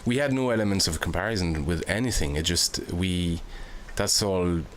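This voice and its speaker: A man's voice: low voice, normal speed, slight background noise. A man in his forties hosting a podcast, chatting casually and thinking aloud in a reflective way. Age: 40s. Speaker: podcast host. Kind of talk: casual conversation.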